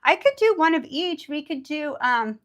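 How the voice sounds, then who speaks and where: A woman with a raspy voice, under the weather, teaching nail art in a bubbly, chatty live tutorial. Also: high voice, very animated, moderate pace, fairly bright tone. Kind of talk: casual live tutorial chat.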